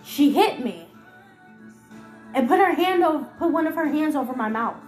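A woman with a high voice tells a painful personal story, her delivery emotional and halting as she repeats herself. She sounds like she is in a roomy, echoing space, with soft music playing underneath. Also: animated. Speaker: podcast host. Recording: roomy echo with faint music.

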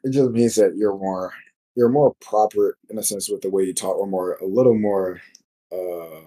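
Chill guy guesting on a podcast, low mellow voice, kinda agrees with everything. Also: fairly even intonation, normal speed. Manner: laid-back, agreeing often. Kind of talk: casual chat.

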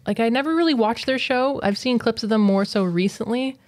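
A woman's voice: a little high, brisk. Teasing young woman asking questions. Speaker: podcast co-host. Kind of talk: casual chat.

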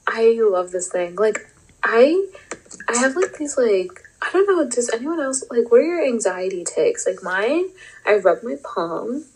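A young woman chatting casually as a vlog host, animated and giggly with lots of fillers. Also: fairly high pitch, unhurried, husky, poor audio. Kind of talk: casual chat.

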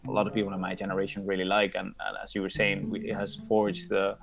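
Spanish-accented man, low gravelly voice. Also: monotone, fast, over music. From Spain. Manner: talkative, many restarts and fillers. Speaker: podcast guest, tech company co-founder. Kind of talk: casual interview talk.

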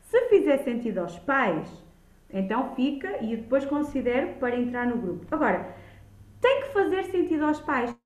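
High-voiced Portuguese woman in an echoey room. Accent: European Portuguese. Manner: emphatic, repeats key words for stress. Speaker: childminder and early childhood educator, podcast guest. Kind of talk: animated conversational debate. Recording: echoey room, dull lo-fi sound.

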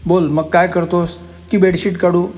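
A man's voice: high voice, level tone, normal speed, a little mellow, natural voice. A man voicing a desperate young woman who pleads and cries as she tells her story. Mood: demanding. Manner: pleading, emotional. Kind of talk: storytelling voice acting.

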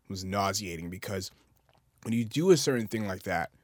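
A man's voice: sits low, expressive, fairly quick, no room sound, clean studio sound. A man hosting a casual interview, blunt and rambling, often asking "you know what I mean". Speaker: podcast host.

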